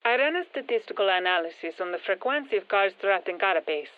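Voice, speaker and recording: A brisk, sharp-minded female scientist and engineer in a video game briefs operators about the alien parasite she's researching. The actress uses a Spanish accent and an animated, clean-toned mid-range voice, staying matter-of-fact and technical. Her processed, lo-fi audio sounds like thin band-limited radio with some long hall reverb.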